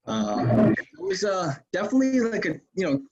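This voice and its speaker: A man's voice: sits high, sing-song, normal speed, highs cut off, heavy background noise. A man from Russia, a podcast guest, telling his story casually with lots of "man" and "like". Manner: casual, loose, fills with man and like. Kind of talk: casual interview chat.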